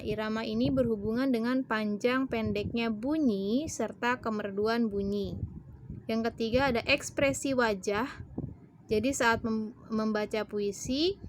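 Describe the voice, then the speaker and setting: A woman teacher explaining a lesson to her pupils in a clear, direct way, turning to them with questions. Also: a little high, slight background noise. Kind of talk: online class lesson.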